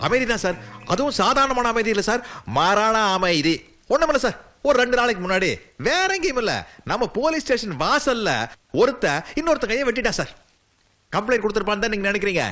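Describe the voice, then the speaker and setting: An actor playing a lazy, sarcastic police inspector who rambles through excuses in a film comedy. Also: male voice, high-pitched, bright, forceful tone.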